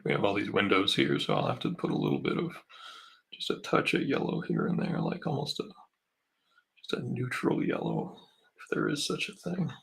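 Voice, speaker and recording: Gravelly man explaining his painting. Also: lowish voice, wildly swooping pitch, moderate pace. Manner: explains steps while painting, answers chat questions. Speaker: artist hosting a live painting stream. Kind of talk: casual livestream painting demo.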